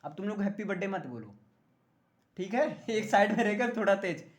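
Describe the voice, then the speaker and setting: A man's voice: high voice, lively intonation, moderate pace. A man teaching English grammar in a classroom lecture. He jokes often and keeps checking that the students understand.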